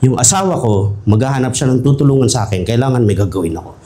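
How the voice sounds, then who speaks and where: A man's voice: mid-range voice, expressive, quick pace, warm tone. A man from the Philippines preaching a humorous sermon as pastor, joking and conversational, laughing often.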